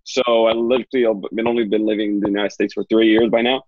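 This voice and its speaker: Husky young man on a muffled call. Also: on the low side, level tone, no room sound. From Dominican Republic. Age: 20s. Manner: fast, chatty, lots of fillers and repeats. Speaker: guest, Instagram consultant. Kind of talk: casual interview on a video call. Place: small home room indoors. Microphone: earbuds on a video call. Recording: dull, dry call audio.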